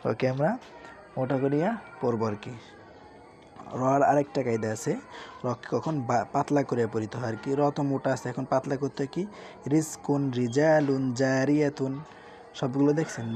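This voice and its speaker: Man, Quran teacher, soft dark tone, repeats each word, spells out letters. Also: mid-range voice, soft background music. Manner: slow syllable-by-syllable drilling, repeats each word; asks questions and answers them himself. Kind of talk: spelled-out recitation lesson. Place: madrasa room with sounds nearby. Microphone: screen-recording setup.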